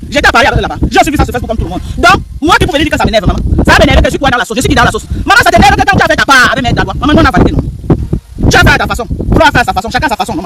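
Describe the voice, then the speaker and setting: A man's voice: very high-pitched, heavy background noise. A man giving heated live-stream commentary, repeating himself and firing rhetorical questions at the audience. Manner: emphatic, repetitive, rhetorical questions to viewers.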